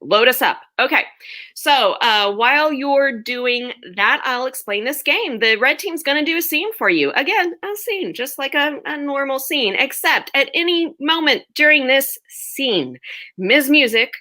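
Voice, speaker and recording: A woman's voice: sits high, expressive, a little slow, pushed and bright. A woman refereeing and hosting an online improv comedy match, explaining the rules to viewers over a video call. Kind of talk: lively emcee patter.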